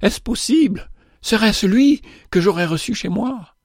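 A man's voice: fairly high pitch, moderate pace, darkish tone, dry recording, clean studio sound, close to an everyday voice. A man voicing a poor, kindly widow and mother of three, speaking in a heartfelt, exclamatory way. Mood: awestruck.

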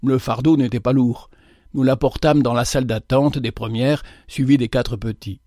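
A man narrating a story in the first person, measured and expressive. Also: mid-range voice, dry recording, clean studio sound. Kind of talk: storybook reading.

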